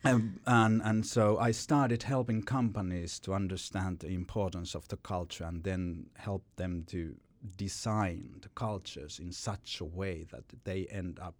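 A company founder from Finland gives a podcast interview answer about his story, rambling and often repeating himself. He speaks at a measured pace in a low, steady voice, with hardly any pauses.

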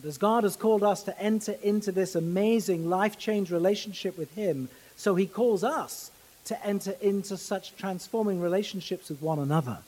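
A man preaching a sermon in a measured, earnest way, pausing to stress his words. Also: high voice, warm tone, slightly rough, big-room sound, poor audio. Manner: measured, earnest, with slow emphatic pauses.

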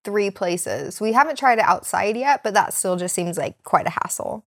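A woman's voice: mid-range voice, animated, moderate pace, a bit bright. A young woman co-hosting a podcast in casual chat, with an informal, giggly manner. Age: young adult. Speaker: podcast co-host. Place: home basement.

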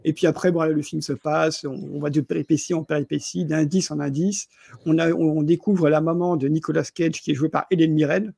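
A man's voice: a little high, fairly even intonation, fairly quick, creaky, mellow, breathy edge, no echo, studio quality. A man chatting casually about films on a podcast, stumbling and repeating his words as he goes. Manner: stumbling, repeats words often, chuckles while talking. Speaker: podcast co-host reviewing films. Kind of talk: casual film review chat.

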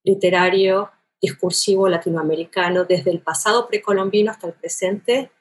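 A literary scholar from Buenos Aires speaks at length in an academic interview, her porteño Argentine Spanish accent clear. Her mid-range voice holds fairly even intonation at a moderate pace, and she talks thoughtfully and elaborately, restarting often and tagging sentences with a questioning "¿no?".

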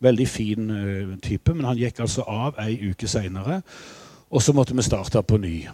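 An older man telling a personal story in a measured, reflective, somewhat halting way. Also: on the low side, warm tone, no echo. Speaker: spokesman for bereaved families.

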